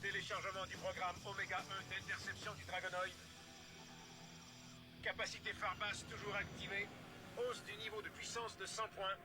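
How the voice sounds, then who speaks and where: A robot system booting up. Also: male voice, high-pitched, normal speed, over music. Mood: robotic. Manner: flat, clipped machine readouts. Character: male combat computer of a cyborg monster, cold and mechanical. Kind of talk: French cartoon dub.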